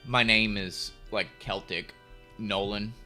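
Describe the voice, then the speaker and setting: A man's voice: fairly low pitch, steady tone, slow, pushed and bright. A young man chatting casually on a chess stream, rambling and laid-back with lots of fillers. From United States. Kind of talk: casual live-stream chat. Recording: faint music behind.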